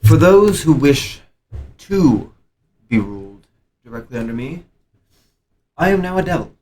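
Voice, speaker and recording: A man playing a newly made male devil lord who addresses his town in a magically amplified voice, with a grand, booming delivery. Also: big pitch swings, unhurried, mellow, recorded from a distance, poor audio. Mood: proclaiming. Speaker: tabletop game player. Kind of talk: in-character speech in a tabletop game.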